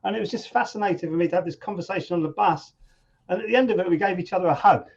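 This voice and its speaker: A man with a voice a touch higher than most, telling stories as an interview guest. He talks in an animated way, circling back over his own words as he thinks. The recording sounds somewhat dull and lo-fi. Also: very fast, gravelly, a little hiss or hum. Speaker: guest musician. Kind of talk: conversational interview storytelling.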